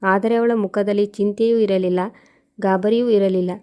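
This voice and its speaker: Brief: female storyteller, mellow voice with a smooth, clear tone, steady scripted narration. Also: mid-range voice, normal speed.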